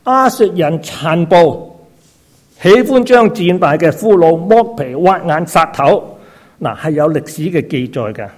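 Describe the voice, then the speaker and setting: A man's voice: on the high side, lively intonation, unhurried. A man who is a preacher and a doctor, delivering a sermon and often asking the congregation rhetorical questions, sprinkled with short interjections. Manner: frequent "na" and "ha" interjections.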